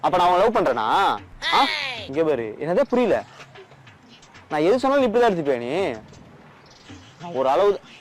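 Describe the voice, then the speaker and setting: A man's voice: high voice, sing-song, normal speed, long pauses, darkish tone. A man in a comic street skit, arguing and then pleading, apologizing again and again. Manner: pleading and apologetic, repeating please and sorry. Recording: music playing behind.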